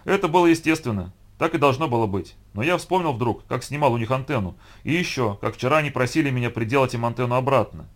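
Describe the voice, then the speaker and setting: A man narrating a first-person story in a steady, even storytelling voice. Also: medium pitch. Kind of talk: audiobook reading of first-person prose.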